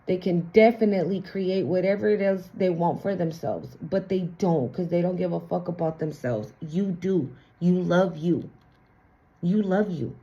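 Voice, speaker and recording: A woman's voice: fairly low pitch, moderate pace, dark tone. A woman giving a casual tarot reading, chatty, blunt and sassy, with frequent swearing. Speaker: tarot reader. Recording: slightly muffled lo-fi recording.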